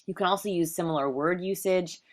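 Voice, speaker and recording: A woman with a low-pitched voice teaches a life coaching course. She talks quickly in a recorded lecture style. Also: darkish tone. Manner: fast-talking.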